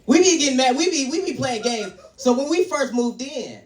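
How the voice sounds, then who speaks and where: A male comedian works a live crowd, loud and playful, teasing the audience. His voice sits high and leaps all over the place. The sound is roomy and echoey, caught from a distance. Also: lively intonation, normal speed. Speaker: stand-up comedian.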